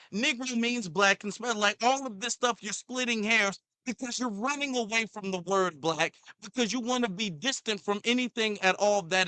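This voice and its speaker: A man's voice: high-pitched, bright, forceful tone, no echo. A man hosting a commentary channel, reacting to a clip in a heated, repetitive way, sometimes stumbling over his words.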